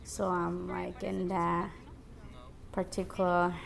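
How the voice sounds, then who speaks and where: Young woman, late teens, gravelly low-ending voice, hesitant interview answers. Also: monotone, takes it slowly. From El Salvador. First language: Spanish. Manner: earnest, hesitant with fillers. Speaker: student activist. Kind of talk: interview testimony.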